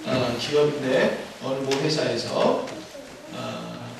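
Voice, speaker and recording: A man preaching a sermon as pastor in a church, telling stories in a playful, animated way. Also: medium pitch, slow pace, gravelly, background noise. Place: church sanctuary. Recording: echoey hall from far off.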